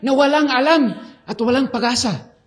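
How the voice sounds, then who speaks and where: A man's voice: extremely high pitch, moderate pace, in a large hall, pitched above the performer's own voice. A man voicing an elderly male village healer who cries and stammers out desperate questions. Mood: pleading. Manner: wailing, stammering pleas. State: crying.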